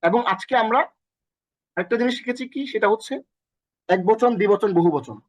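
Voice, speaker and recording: A man's voice: high voice, fairly quick, no echo. A man teaching a recorded Arabic lesson with energy, often repeating himself and quizzing the listener, with a Bangladeshi accent.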